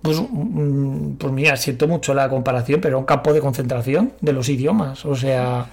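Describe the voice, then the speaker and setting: A young man with a Spain Spanish accent, talking in a relaxed, chatty way as a guest. He tells his stories with energy, slipping into other people's voices as he quotes them and dropping casual swear words along the way. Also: medium pitch, normal speed, gravelly. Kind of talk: casual storytelling chat.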